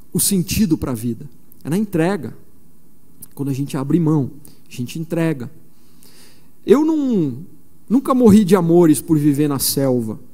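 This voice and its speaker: Mellow-voiced preacher in an echoing church. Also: male voice, fairly high pitch. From São Paulo, Brazil. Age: 40s. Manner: conversational storytelling with frequent fillers. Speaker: missionary preacher. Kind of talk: conference sermon. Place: large church. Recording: long reverb of a large church hall.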